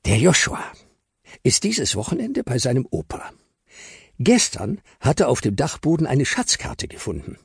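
A man's voice: mid-range voice, wildly swooping pitch, normal speed, gravelly, slightly rough, no echo, studio quality, pitched above the performer's own voice, exaggerated voice. A man voicing a schoolboy patiently explaining a plan.

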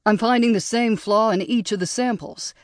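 A woman's voice: on the high side, moderate pace, no room sound, studio quality, pitched above the performer's own voice, close to an everyday voice. A woman voicing a condescending young male perfumer who needles his colleague. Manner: needling, patronizing.

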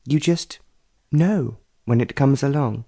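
A man's voice: medium pitch, slow pace, mellow, pitched above the performer's own voice. A man voicing a pretty young society woman who is dreamy and lovestruck, talking in a gushing, sighing way.

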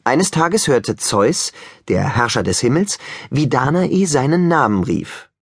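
A man's voice: medium pitch, very animated, measured pace, creaky, husky, no room sound, clean studio sound. A man narrating a children's audiobook with wry, joking asides to the listeners.

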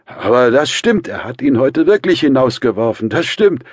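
A man voicing a drunk, rowdy young man in an audiobook, blustering and shouting. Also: mid-range voice, sing-song, moderate pace, slightly rough, no room sound, clean studio sound, voice pushed up. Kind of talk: audiobook character voice.

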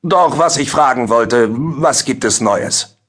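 A man's voice: mid-range voice, takes it slowly, fairly bright tone, slightly rough, voice pushed up. A man doing a flustered, sly old judge. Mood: startled. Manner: blustering, evasive.

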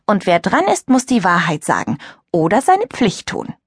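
A woman's voice: mid-range voice, wildly swooping pitch, normal speed, breathy edge, no echo, clean studio sound, exaggerated voice. A woman voicing a condescending, bossy teenage girl in an audiobook. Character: snooty teenage girl at a party.

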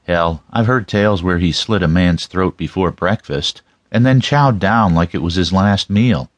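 A man's voice: sits low, moderate pace, dry recording, natural voice. A man voicing a seasoned, wry male detective in audiobook dialogue, matter-of-fact in manner.

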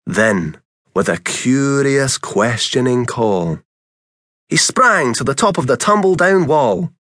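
A man's voice: mid-range voice, very animated, slow, a bit bright, dry recording. A man narrating a children's rhyming audiobook in a rhythmic, sing-song way, close to a studio mic.

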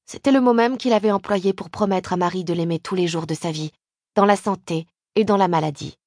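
A woman narrating a novel in the first person in a measured, expressive audiobook reading. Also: fairly low pitch, dry recording, clean studio sound.

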